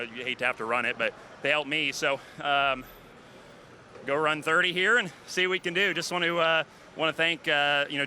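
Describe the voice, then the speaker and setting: A racing driver, out of breath, answering a post-race interview in halting speech with many fillers. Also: male voice, medium pitch, bright, forceful tone, slight background noise. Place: outdoors at a racetrack.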